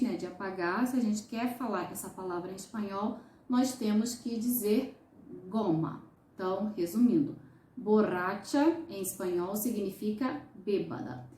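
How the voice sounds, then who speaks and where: A Brazilian woman teaching a language lesson, speaking slowly and deliberately and repeating each word for clarity. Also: mid-range voice, a little mellow, echoey room. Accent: Brazilian Portuguese. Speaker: Spanish teacher.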